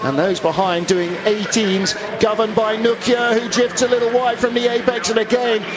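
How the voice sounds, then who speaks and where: A man giving live motorsport commentary, calling the race play-by-play with questions and quick self-corrections. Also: high voice, flat delivery, over music, poor audio. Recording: loud car and trackside noise behind.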